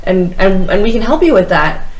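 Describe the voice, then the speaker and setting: A woman's voice: medium pitch, big pitch swings, normal speed. A woman playing a tabletop game, asking probing questions and restarting them. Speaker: player. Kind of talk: tabletop role-play. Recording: echoey room.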